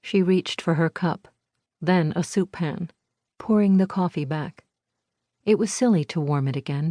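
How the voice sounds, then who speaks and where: A woman narrating an audiobook with a slightly low, measured voice. She reads with calm, even storytelling. The recording is close-miked and dry. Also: dry recording. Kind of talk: scripted narration. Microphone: close studio mic.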